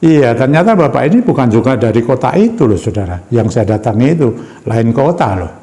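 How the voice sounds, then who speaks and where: A man's voice: mid-range voice, very animated, fairly quick, mellow. A man from Indonesia preaching a sermon, telling a personal story and often calling listeners "brothers and sisters". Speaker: evangelist preacher.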